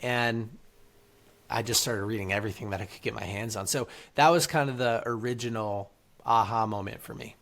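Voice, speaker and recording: A man appears as a podcast guest, an author and entrepreneur sharing his story in a casual interview. His voice is on the low side and a little bright, and he speaks at a moderate pace in an earnest, motivational way.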